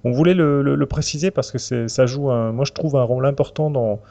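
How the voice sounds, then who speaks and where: On his film podcast, only partly scripted, the host often stalls while searching for the right word. He has a mid-range, dark-toned voice and talks a little fast. Clear background music sits under dull, lo-fi sound.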